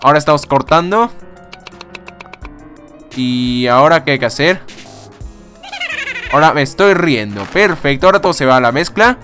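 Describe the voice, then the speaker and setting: A young man casually commenting on a game, excitable, swearing and laughing often. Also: on the high side, normal speed, long pauses, soft background music. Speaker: gaming YouTuber. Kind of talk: casual let's-play commentary.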